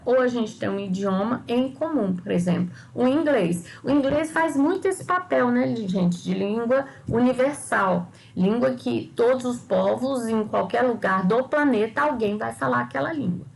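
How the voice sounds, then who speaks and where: An older woman lectures her class in a slightly high, gravelly voice. She keeps checking in with her students and posing questions for them to answer. The delivery is that of an everyday classroom talk. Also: slight background noise, poor audio. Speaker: teacher.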